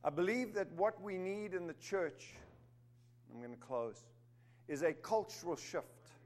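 A man from Zimbabwe, brought up in South Africa, preaches emphatically in a high, animated voice without hurrying. Key words get a rising emphasis, and humorous asides break up the message.

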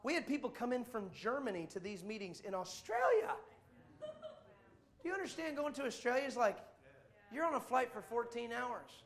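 A man preaching to a congregation, telling travel stories in a jokey, animated way with playful mock voices. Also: extremely high pitch, moderate pace. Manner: jokey, does voices and mock accents in quotes. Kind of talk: animated sermon storytelling.

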